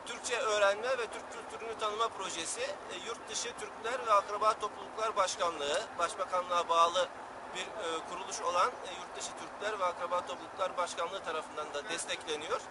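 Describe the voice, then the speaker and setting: A high-voiced man speaks as a group leader in an outdoor interview. He phrases things in a measured, hesitant way, with clear street and vehicle noise around him. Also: steady tone. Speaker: group leader of a student programme. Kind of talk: on-camera interview explanation. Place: outdoors in a sunny town square.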